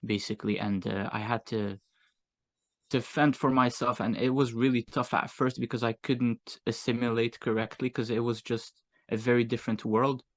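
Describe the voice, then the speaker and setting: A man's voice: medium pitch, fairly even intonation, normal speed. A young man with a Moroccan accent, telling his own story candidly in an interview in a reflective, casual way. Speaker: guest, agency owner.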